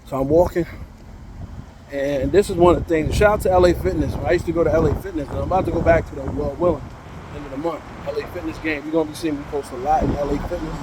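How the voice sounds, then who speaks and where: A man's voice: fairly high pitch, background noise. A man talking casually on a walking vlog at a train station, preachy and encouraging, a little out of breath, into a phone he holds. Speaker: vlogger.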